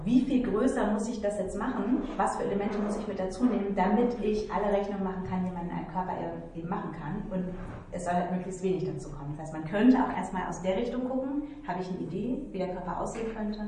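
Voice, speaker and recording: A woman mathematics lecturer with a warm, mid-range voice patiently explains algebra in a tutoring session, thinking aloud as she works. The recording is echoey, with the mic far off and some faint noise.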